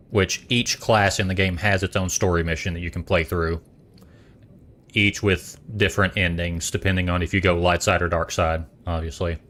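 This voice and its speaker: A man's voice: low voice, a bit bright. A young adult man casually chatting while streaming a game, rambling and eating as he talks. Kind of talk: casual gaming stream chat.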